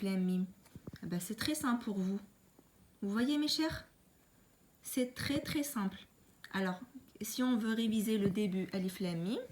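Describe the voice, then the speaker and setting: A woman teaching a Quran reading lesson, patiently explaining and repeating letters slowly for learners, and chanting the letters louder. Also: mid-range voice, slight background noise.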